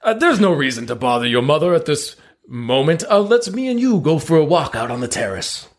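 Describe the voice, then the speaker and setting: A man's voice: fairly high pitch, sing-song, a little fast, voice pushed up. A man playing a self-important seasoned adventurer who is easily flustered, theatrical and evasive, in an improvised tabletop game. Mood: flustered, polite. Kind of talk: improvised tabletop role-play.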